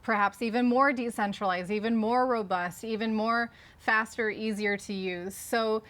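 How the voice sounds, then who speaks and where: A woman's voice: fairly high pitch, fairly even intonation, moderate pace, a bit bright. A woman co-hosting a casual conversational debate, explaining her points in an informal way. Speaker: video creator and co-host.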